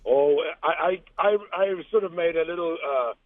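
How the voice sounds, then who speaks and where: A man phones in to a radio show, his fairly high voice squeezed through a thin phone line. The sound is dry and close, with no room around it. He talks in an animated way, building vivid what-if scenarios to make his point. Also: normal speed, no echo. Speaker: guest calling in. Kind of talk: casual radio interview.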